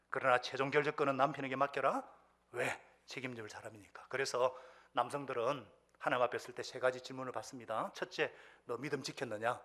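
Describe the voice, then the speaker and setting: A man preaching a sermon as pastor, who asks the congregation questions and swings between loud outbursts and hushed whispered asides. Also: mid-range voice, breathy edge.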